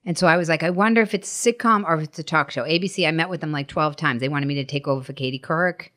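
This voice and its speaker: Very fast and low-pitched, with a fairly bright tone, a middle-aged stand-up comedian tells stories during a podcast interview. She's emphatic and blunt, cursing often and dramatizing quoted dialogue.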